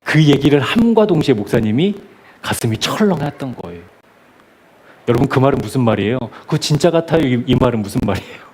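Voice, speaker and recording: A man's voice: medium pitch, brisk, slightly rough. A male pastor preaching at a midweek church service, telling a story and acting out the people in it. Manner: animated storytelling, acting out quoted voices. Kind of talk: sermon.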